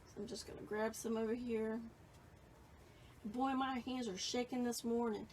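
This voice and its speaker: A woman's voice: a little high, steady tone, moderate pace, darkish tone, distant mic, slight background noise, poor audio. A woman in her late fifties giving a casual, chatty painting lesson and reading viewer comments as she works. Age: 50s. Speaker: painting instructor. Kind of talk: live painting tutorial.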